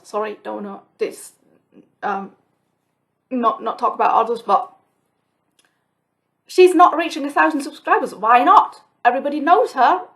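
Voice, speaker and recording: Here a flosstube host from Switzerland talks to her camera at home by herself, her slightly high voice fairly bright in tone. Swiss German is her first language, and her casual, reflective chatter is full of ums and false starts.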